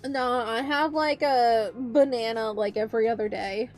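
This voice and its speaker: A young woman with a high, bright-pitched voice chats casually on her VTuber stream. She rambles playfully from one excited tangent to the next, with soft music faintly playing behind her. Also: a little slow. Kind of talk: casual livestream chat.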